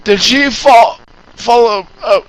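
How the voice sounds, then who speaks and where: Male chat room caller: high-pitched, slow, rambling, grandiose delivery. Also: fairly bright tone, poor audio.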